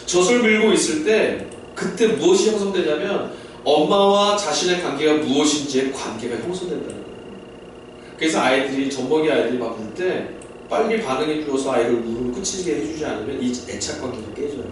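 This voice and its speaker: Fairly quick and fairly high-pitched, a male pastor works through his sermon by explaining and asking questions of a mixed-age congregation. A distant mic picks him up in the strongly echoing sanctuary, along with a little background noise.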